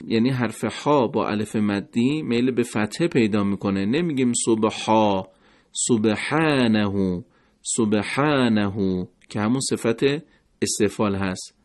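A man giving a pronunciation lesson, speaking deliberately and repeating words slowly to demonstrate each sound. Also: lowish voice, a little mellow. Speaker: recitation teacher.

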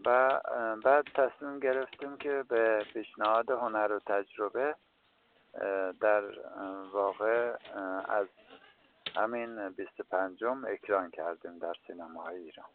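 A man with a lowish voice speaks as the guest filmmaker, pausing often with filler sounds as he answers. He comes through a tinny phone-line connection. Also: fairly even intonation, slight background noise. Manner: hesitant, many filler sounds. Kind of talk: radio interview answers.

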